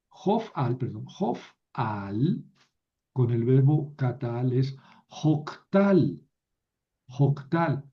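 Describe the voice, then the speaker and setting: A man's voice: fairly high pitch, muffled recording. A man teaching a Biblical Hebrew grammar lecture, patient and methodical, often checking with his students, with some playful asides. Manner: slow, patient, with frequent "¿verdad?" checks. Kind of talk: recorded lecture.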